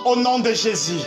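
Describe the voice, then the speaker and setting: A preacher delivering a fervent sermon, shouting, hammering repeated phrases and breaking into laughter, with congregation responses. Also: medium pitch.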